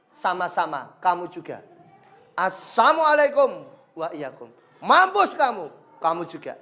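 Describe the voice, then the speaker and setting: An Indonesian-accented male teacher leads a religious lesson for students at an unhurried, easy pace. His delivery is playful, and he drifts into storytelling. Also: high-pitched, a bit bright. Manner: slow, playful, acts out quoted taunts in a raised voice. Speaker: Islamic studies teacher. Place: classroom.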